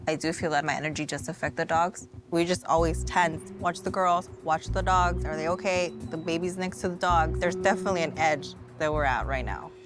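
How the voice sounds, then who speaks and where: A woman's voice: low voice, brisk, hardly any pauses. A woman, a mother and dog owner, telling earnestly and tensely about her dogs fighting. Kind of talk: casual interview. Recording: music bed underneath.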